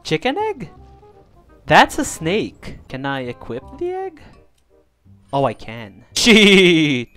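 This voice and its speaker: Loud, swearing young gamer man. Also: fairly high pitch, wildly swooping pitch, slow pace, long pauses, soft background music. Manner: loud, profane, joking, yelling at enemies. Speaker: gaming commentator. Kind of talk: let's play commentary.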